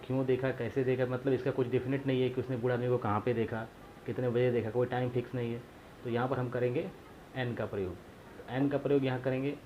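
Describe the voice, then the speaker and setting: A man's voice: medium pitch, muffled recording, a little hiss or hum. A man teaching a grammar lesson, explaining patiently and repeating himself, asking rhetorical questions to his viewers.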